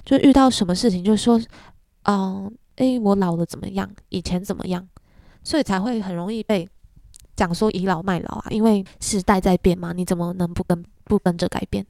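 Young taiwanese-accented woman rambling on her podcast, mellow warm voice, dry close sound. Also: medium pitch, fairly quick, creaky, no room sound. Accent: Taiwanese Mandarin. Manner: chatty storytelling, frequent self-mocking laughs. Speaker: podcast host. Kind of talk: casual monologue.

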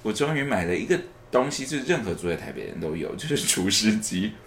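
Animated low-voiced Taiwanese Mandarin man. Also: brisk, slight background noise. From Taipei, Taiwan. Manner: animated, laughs often. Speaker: podcast host. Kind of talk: casual chat.

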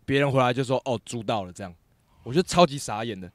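A man's voice: fast talker, no echo, studio quality. A young man, telling work stories on a casual podcast, often laughing. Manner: expressive, laughing storyteller with big pitch swings. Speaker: podcast co-host. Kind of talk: casual chat, storytelling.

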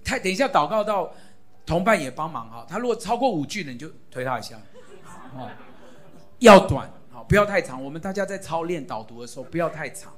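A middle-aged male pastor preaching in an animated, exhorting way, his fairly high voice leaping up and down. He drives his key phrases home by repeating them loudly to the congregation. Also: fast. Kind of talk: sermon teaching on prayer.

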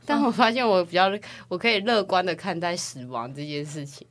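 A young woman from Taiwan, co-hosting a casual podcast chat and telling personal stories in a chatty, animated way. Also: fairly low pitch, fairly quick. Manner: chatty, animated storytelling with rising excitement. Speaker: podcast co-host.

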